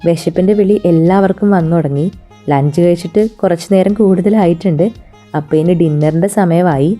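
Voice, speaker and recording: Very mellow Malayali woman narrating a vlog. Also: fairly low pitch, fairly quick. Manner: sprinkles English words into Malayalam. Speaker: travel vlogger. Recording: music under the voice. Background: music.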